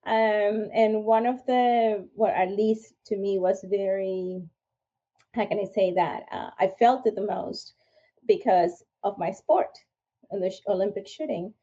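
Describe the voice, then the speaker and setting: Speaking unhurriedly in a mellow, mid-range voice, a firearms instructor from Venezuela shares her personal story as a podcast guest. She is earnest, has a Venezuelan Spanish accent, and frequently starts over, all captured in dull, lo-fi sound.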